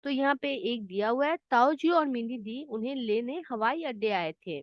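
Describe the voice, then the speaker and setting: A woman's voice: on the high side, lively intonation, normal speed, no room sound. Patient woman teaching a children's lesson. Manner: patient, explains words in English. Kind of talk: children's Hindi lesson, explaining answers. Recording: dull, slightly muffled dry sound.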